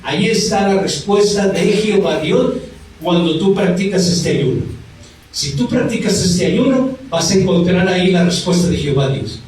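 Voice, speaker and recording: A man preaching a sermon with animated, rising and falling emphasis in a church. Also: high voice, normal speed, a little hiss or hum. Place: church hall. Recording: very echoey hall, mic far off.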